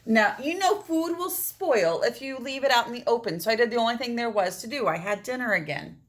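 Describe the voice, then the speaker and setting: A woman's voice: on the high side, animated, fairly quick, lightly acted. A woman reading a storybook aloud in the role of a chatty, aggrieved male wolf telling his side with theatrical emphasis. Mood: matter-of-fact storytelling. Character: chatty, self-justifying male wolf, wronged storybook narrator. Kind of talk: storybook read-aloud, first-person narration.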